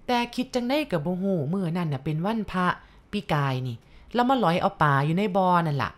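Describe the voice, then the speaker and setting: A woman voicing a stern but kindly old male abbot, talking in a measured, scolding way. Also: fairly low pitch, lightly acted.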